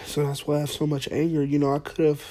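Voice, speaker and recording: A man's voice: on the high side, monotone, a little fast, mellow. Man ranting in a profane, mock-earnest tone. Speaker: podcast host. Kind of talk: comedic podcast monologue.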